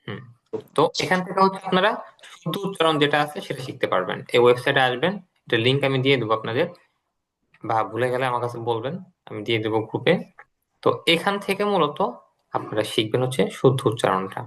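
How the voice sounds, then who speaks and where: A man's voice: mid-range voice, lively intonation, quick pace, a bit bright, a little hiss or hum, poor audio. A man teaching an online English class, explaining patiently and repeating drills for students.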